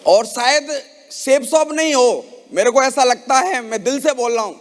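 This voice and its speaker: A man's voice: very high-pitched, moderate pace. A man giving an emotional motivational speech on stage at a network marketing event, rallying the audience with questions. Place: large event hall. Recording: reverberant hall sound.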